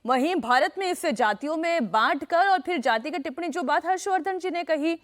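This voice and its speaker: A woman's voice: high-pitched, animated, normal speed. A woman news anchor moderating a TV debate, asking pointed, probing questions.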